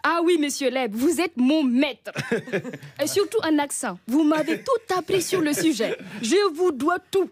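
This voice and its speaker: A woman's voice: sits high, expressive, measured pace. A woman with a Burkinabè accent reading a humorous radio column in a wry, teasing way, chuckling often. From Burkina Faso.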